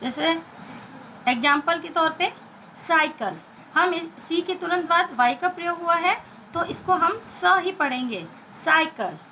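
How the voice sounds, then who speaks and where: A woman's voice: extremely high pitch, normal speed, sharp tone, slight background noise, low-quality recording. An Indian woman teacher giving a phonics lesson to children, spelling out letters and repeating each sound.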